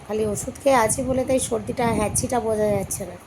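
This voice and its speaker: A woman in her thirties talks into a handheld phone in a casual home vlog, her voice hoarse from a cold and set a little high. She chats on easily and breaks off now and then to scold her kids. The recording is noisy, with rain heard outside. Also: fairly even intonation, quick pace. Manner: chatty, scolds her children in between. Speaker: vlogger, mother.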